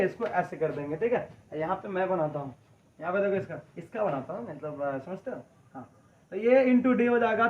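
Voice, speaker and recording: A man teaching a math lesson, repeating key phrases and often asking if listeners follow. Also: high-pitched. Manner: repetitive, checks in with listeners often. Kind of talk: classroom-style video lesson. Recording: echoey room, dull lo-fi audio.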